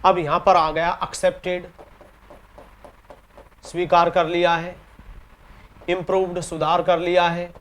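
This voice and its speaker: A man with an Indian English accent teaching an exam-prep grammar lesson in Hindi. He reads the English example sentences slowly and deliberately and often repeats key words. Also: high-pitched, level tone, fairly bright tone. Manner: repeats key words and ends points with "theek hai".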